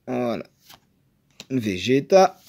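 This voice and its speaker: A man chatting casually while opening trading card boosters, excitable and full of hesitations. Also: medium pitch, drawn-out words, vocal fry. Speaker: card game video maker.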